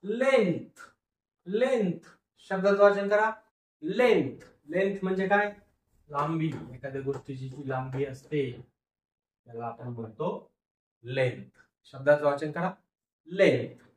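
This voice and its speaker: High-voiced teacher in an echoey room. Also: male voice, distant mic. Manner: slow, repetitive syllable-by-syllable sounding out. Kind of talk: phonics lecture, sounding out words.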